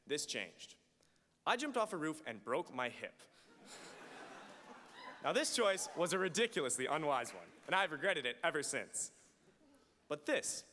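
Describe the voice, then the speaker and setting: A man in his late teens giving an emphatic, deliberate graduation speech as valedictorian at a podium microphone in a large auditorium. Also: on the high side, sharp tone. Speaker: high school valedictorian. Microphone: podium microphone on a stand. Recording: reverberant hall through PA microphone.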